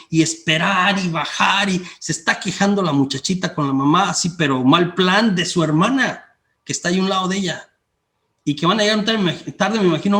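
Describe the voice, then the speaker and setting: A man's voice: on the high side, a bit bright. A man giving a faith-based teaching talk, telling a personal story in a conversational way, often adding tag questions and repeating phrases as he recalls details. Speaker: speaker teaching on family and faith.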